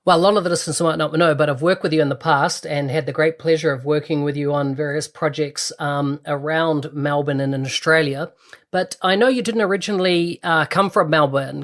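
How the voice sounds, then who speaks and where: A man's voice: a little high, fairly bright tone. Chatty podcast host man. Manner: chatty, upbeat. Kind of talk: podcast interview. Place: London.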